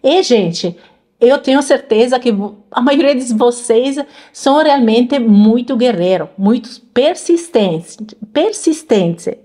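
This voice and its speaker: A woman's voice: fairly high pitch, expressive, slow pace, mellow. A woman hosting a reaction video, explaining things in casual chat and repeating words while she searches for the right one. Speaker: channel host reacting to clips.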